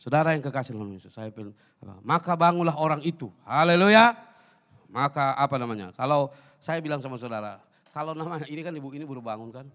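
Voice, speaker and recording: A man preaching a sermon as pastor, swinging between loud declarations and hushed asides. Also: medium pitch, animated, fast. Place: church sanctuary.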